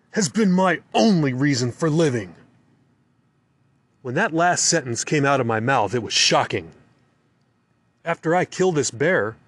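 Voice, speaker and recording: Man, dramatic first-person narration, intense, emotional, lively pitch, dry close sound. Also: no room sound.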